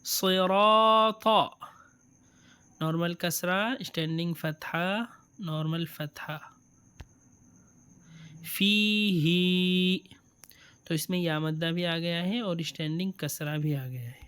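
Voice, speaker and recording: Smooth-voiced man teaching letters slowly. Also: on the high side, fairly even intonation. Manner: drawls letters and words slowly, then explains quickly; patient, repeats sounds for the learner. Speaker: Quran reading teacher. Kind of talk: step-by-step reading lesson.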